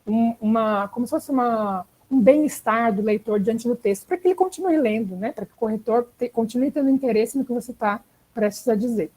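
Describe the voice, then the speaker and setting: Brisk and warm, with a fairly high pitch, the voice belongs to a young Brazilian Portuguese-accented woman chattily leading an online writing class. She sprinkles in "né?" and "tá?" often to check on her students, and the recording quality is low.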